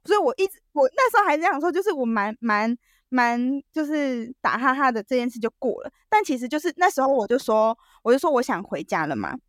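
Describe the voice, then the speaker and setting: A woman telling a story as a podcast guest, animated and full of restarts. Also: high voice, fairly quick, dry recording, clean studio sound. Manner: animated, acts out quoted dialogue, frequent restarts.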